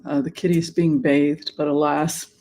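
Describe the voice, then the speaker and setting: A livestream host with a mid-pitched voice talks casually to an online audience. The delivery is camp and theatrical, with drawn-out words and halting phrases. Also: flat delivery, a little mellow, slight background noise. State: allergies, occasional throat clearing. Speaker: livestream host and tarot reader. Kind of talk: casual livestream chat, greeting viewers.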